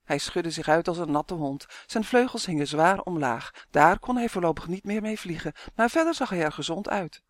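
An audiobook narrator reading a children's fantasy story in a steady, clear way that livens up in tense moments. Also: medium pitch, moderate pace, no echo, studio quality.

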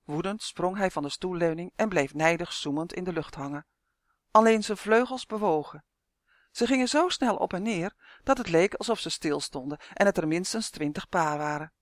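A woman narrating a children's fantasy story aloud in an even, clear manner. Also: fairly low pitch, normal speed, no room sound, clean studio sound.

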